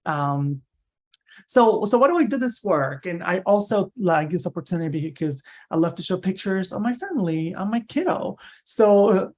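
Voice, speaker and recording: A Cuban university researcher gives an online seminar talk over a video call, conversational in style, often tagging sentences with "right?" and restarting phrases. His voice is high, expressive, a little mellow, at a moderate pace.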